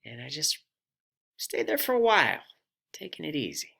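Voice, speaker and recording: A man hosting a personal finance vlog, telling a story in an animated, self-deprecating way. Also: fairly high pitch, moderate pace, vocal fry, breathy edge. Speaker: vlog host.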